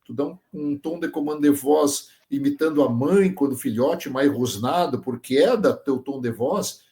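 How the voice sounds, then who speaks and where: A man's voice: mid-range voice, moderate pace, vocal fry, dark tone. Man explaining dog training. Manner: explains through farm examples, asks listener to confirm. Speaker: guest, sheep dog trainer. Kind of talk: casual podcast interview.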